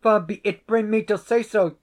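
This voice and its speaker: A man's voice: on the high side, steady tone, normal speed, darkish tone, pitched above the performer's own voice, natural voice. A man voicing a desperate, honest old tenant piper, pleading and rising to frantic outbursts. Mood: anxious.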